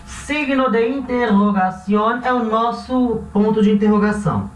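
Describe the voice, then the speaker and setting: A Brazilian man with a relaxed, chatty teaching manner who often corrects himself and checks in with his listeners. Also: high voice, unhurried, slight background noise. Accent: Brazilian Portuguese. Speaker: language teacher. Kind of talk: casual classroom explanation. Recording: echoey room, voice a bit far from the mic.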